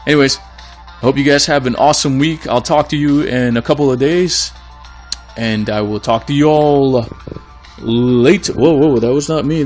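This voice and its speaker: His medium-pitched voice has a darkish tone. He's a Florida man hosting his own podcast, ranting solo in a blunt, exasperated way while his voice is going.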